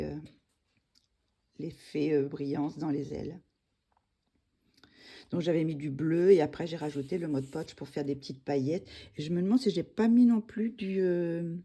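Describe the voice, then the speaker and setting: A woman's voice: deep voice, mellow, husky. A woman casually showing her finished coloring pages, hesitant, with many fillers and self-corrections. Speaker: coloring hobby vlogger.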